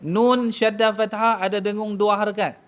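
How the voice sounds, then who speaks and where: A man's voice: high-pitched, little pitch movement, moderate pace, a bit bright. A man from Malaysia, teaching Quran pronunciation in a mosque class and drilling each sound by contrasting the wrong and right way. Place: mosque hall.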